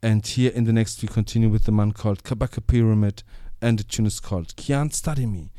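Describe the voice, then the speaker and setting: A man's voice: fairly low pitch, fairly quick, mellow, dry recording, clean studio sound. A man with a German accent, a native German speaker, hosting a radio show with a casual, chatty sign-off.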